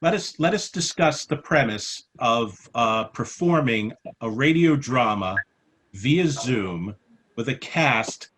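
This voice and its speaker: A middle-aged American man runs a casual club meeting in a playful, mock-formal style, speaking through a headset on a video call. His medium-pitched voice is animated and fairly bright, though he talks slowly. He's in a small room at home, and the call audio is noisy with clicks.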